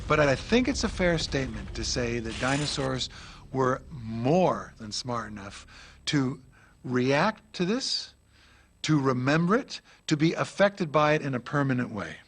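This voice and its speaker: A man's voice: medium pitch, big pitch swings, measured pace. A man giving a conversational explanation as an expert in a documentary interview. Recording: clear background noise.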